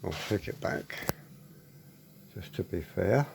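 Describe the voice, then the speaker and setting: A man with a deep, gravelly voice takes it slowly and speaks expressively while casually demonstrating an audio equipment fault. He goes step by step, repeats his points and checks with brief tag questions, with background noise behind him.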